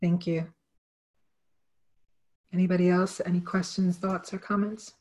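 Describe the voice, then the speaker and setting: A woman with a lowish voice leads an online group workshop. She talks in loose, short phrases and fills the gaps with fillers as she invites questions from the group. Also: level tone, unhurried, dark tone. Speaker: workshop facilitator.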